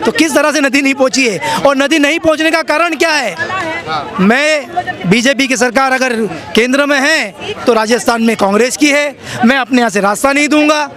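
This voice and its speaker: A man from Maharashtra speaks in a very high voice, driving each point home with emphatic repetition. He is answering questions in a street interview. A crowd murmurs loudly behind him outdoors. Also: normal speed.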